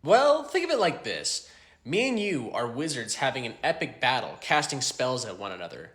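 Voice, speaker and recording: A man's voice: mid-range voice, very animated, moderate pace, a bit bright. A man in casual, acted comedy dialogue, with an awkward, hesitant delivery. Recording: roomy echo.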